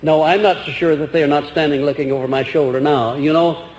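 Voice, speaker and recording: On an old archival recording from an echoey hall with faint hiss, an older lecturer answers audience questions in an earnest, rambling way, restarting and posing rhetorical questions. His voice is a little high, steady, darkish, and a little fast.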